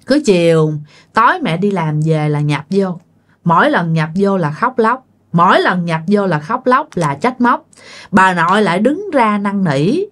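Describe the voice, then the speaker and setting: A woman's voice: mid-range voice, animated, measured pace, fairly bright tone. A woman, telling a ghost story in a chatty way and speaking directly to her listeners.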